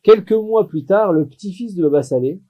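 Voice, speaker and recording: A man narrates a story in a mellow, dark-toned voice that sits a little high in pitch. His storytelling is lively and expressive, and he shifts his voice for each person in the tale. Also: brisk. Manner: lively read-aloud storytelling, voicing the people in the story.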